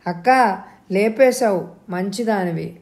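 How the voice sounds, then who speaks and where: A woman's voice: mid-range voice, slow, a little mellow. Woman doing a meek, pleading younger sister. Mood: coaxing. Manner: pleading, anxious. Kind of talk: audio novel reading.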